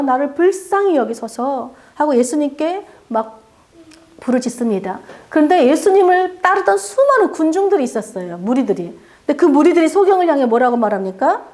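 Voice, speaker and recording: A woman's voice: sits high, darkish tone. A woman pastor preaching a sermon in a church, asking the congregation questions and acting out quoted voices. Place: church sanctuary.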